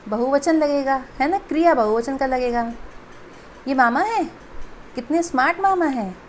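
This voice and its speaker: A woman's voice: sits high, lively intonation, normal speed, a little hiss or hum. A woman teacher patiently explaining a grammar lesson to children, speaking to them directly. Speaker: school teacher.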